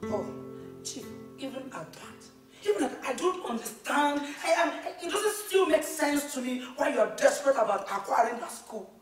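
A woman's voice: high voice, lively intonation, moderate pace, heavy reverb, far from the mic, soft background music. An actress with a Nigerian English accent playing a blunt woman who scolds and challenges, talking insistently. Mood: scolding. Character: blunt wife who challenges her husband's spending.

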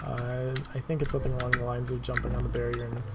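A man casually narrating a speedrun tutorial over gameplay, relaxed and self-deprecating, with many fillers and repeated words. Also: medium pitch, fast talker, very noisy. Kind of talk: casual gameplay walkthrough commentary.

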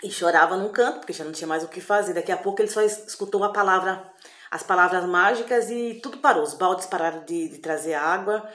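A woman's voice: on the low side, fast, a bit bright. A woman telling a folk tale in a loose, chatty way, full of little tag questions. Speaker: storyteller. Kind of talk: casual spoken storytelling. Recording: echoey room.

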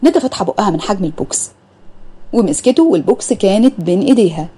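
Fast-talking Egyptian woman storyteller. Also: medium pitch, expressive, mellow, slightly rough. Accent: Egyptian Arabic. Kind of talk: dramatized story narration.

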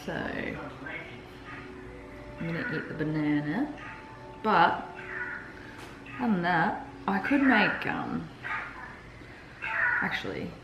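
A young woman vlogging at home as a mother, chatting casually and cooing to her toddler in sing-song tones. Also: low-pitched. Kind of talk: casual vlog chat. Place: home kitchen and bedroom. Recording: roomy home audio with music behind.

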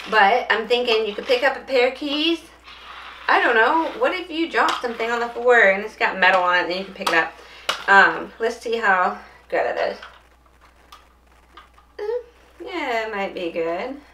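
A woman with a bright, forward voice walks through a casual how-to demonstration, chatting and thinking aloud as she works. She is picked up from a distance in an echoey indoor room, with a faint hiss underneath. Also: medium pitch. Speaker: presenter demonstrating dressing aids. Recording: roomy echo, distant mic, faint noise.

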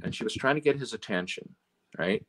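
A man from Canada with a lowish voice tells stories from the road as a guest. He keeps it animated, acting out the people he quotes and checking in with "right?" as he goes. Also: a little fast. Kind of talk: casual storytelling chat.

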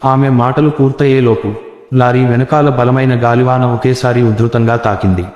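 A man's voice: mid-range voice, steady tone, moderate pace, a little mellow, highs cut off. A man telling a first-person horror story as scripted narration, tense and suspenseful. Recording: echoey reverberant room.

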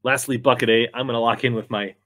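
An American man in his thirties, a fantasy fishing pundit and host, delivers sports commentary and picks to camera while seated at a desk in a small indoor room. His mid-range voice is fairly bright and fairly even in intonation, moving at a quick pace. The recording is dry, with clean studio sound.

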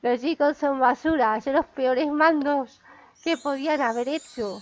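A woman's voice: high voice, measured pace. A young woman with a Spain Spanish accent giving chatty, exclamatory commentary while playing a game and talking to her viewers. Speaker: gaming vlogger. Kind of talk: casual gameplay commentary. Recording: dull lo-fi sound.

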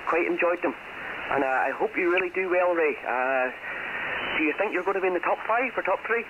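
A British man, an amateur radio operator calling in, chats casually over a shortwave transmission in a high-pitched voice with lively intonation and a brisk pace. Reception is noisy and muffled.

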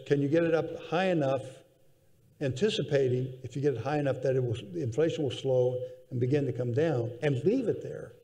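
An older man with a gravelly, warm, medium-pitched voice speaks as a guest in a conference panel discussion, seated in an armchair on a large hall stage. He is measured and thoughtful, with frequent restarts, and the convention hall echoes around him.

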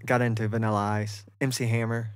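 A man's voice: on the low side, little pitch movement, brisk, clear, resonant tone, no room sound. A man guesting on a casual podcast, talking in a laid-back, agreeable way with lots of yeahs and restarts. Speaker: guest musician.

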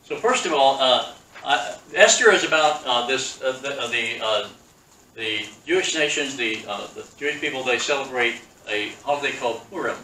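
Man, pastor teaching bible, halting and casual, bright voice, echoey hall, distant mic. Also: medium pitch, animated, a little hiss or hum. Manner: halting, many fillers and restarts, asks the congregation questions. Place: church hall. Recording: echoey room, speaker far from mic.

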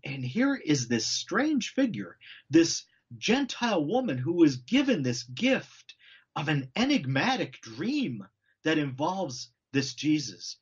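This author, a middle-aged man appearing on a faith podcast, speaks slowly in a higher-than-average voice over a muffled recording. He walks listeners through early church history like a conversational teacher, wandering into asides. His delivery is lively and explanatory, peppered with "you know" and repetitions.

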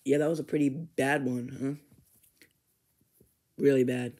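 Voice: medium pitch, steady tone, slow pace, darkish tone. Brief: a fan doing a stuttering, mischievous old scientist man for a plush toy skit, uh-filled and teasing. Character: stammering male scientist grandpa, cranky and mischievous.

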